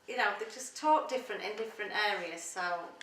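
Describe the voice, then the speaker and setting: A woman's voice: mid-range voice, brisk. A middle-aged woman from Yorkshire with a Yorkshire accent, chatting casually in an interview and often searching for words. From Doncaster, Yorkshire, England. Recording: roomy sound from a distance, faint noise.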